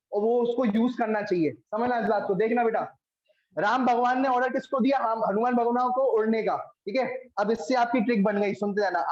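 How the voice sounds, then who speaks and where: A biology teacher with a high, slightly mellow male voice gives a classroom lecture, coaxing his students, repeating questions to them and calling them beta. The recording has a dull lo-fi sound in an echoey room.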